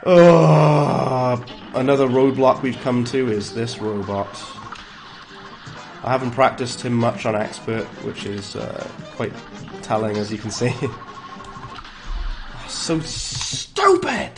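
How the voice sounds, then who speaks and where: A mid-range, animated male voice with a Welsh accent speaks slowly over music as he plays a game live. He chats casually, greets his viewers, responds to chat, and reacts aloud to the gameplay.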